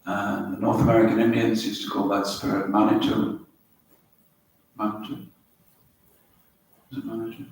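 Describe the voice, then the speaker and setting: Speaking quickly with few pauses, this middle-aged man from Wales has a fairly low, slightly mellow voice and a flat delivery. He's a spiritual teacher addressing a small group in a yoga center hall, storytelling and explaining words step by step. Recorded from a distance in a roomy hall, the audio carries a faint hiss.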